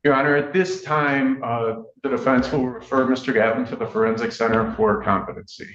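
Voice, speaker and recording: A man's voice: medium pitch, fairly even intonation, a little fast, fairly bright tone, dull audio. Male defense attorney, echoey courtroom recording. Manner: formal, procedural. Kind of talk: formal courtroom statements.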